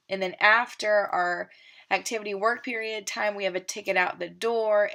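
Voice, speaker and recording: A woman teacher lays out a literacy lesson plan step by step. She speaks in a steady, methodical way at a middle pitch, now and then pausing on a filler. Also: vocal fry. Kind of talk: explaining a lesson plan, partly read.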